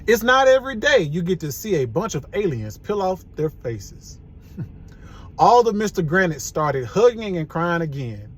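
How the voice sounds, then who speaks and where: A man reading a children's chapter book aloud in a playful, animated way. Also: high-pitched, a little slow, slightly rough. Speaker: storybook reader.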